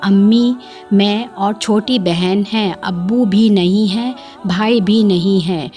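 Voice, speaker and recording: A shy, devout young woman, as a female storyteller puts her on, speaking in a soft, self-effacing way. Her lines come slowly, with faint music running behind the reading. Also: medium pitch, close to an everyday voice. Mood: shy, sad.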